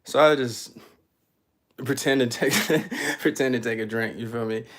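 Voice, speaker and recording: A man's voice: mid-range voice, steady tone, normal speed, a bit bright. A young man musing aloud in a casual, reflective monologue, loose and full of fillers. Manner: laid-back, loose, full of fillers like "you know what I'm saying". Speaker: artist talking about his life.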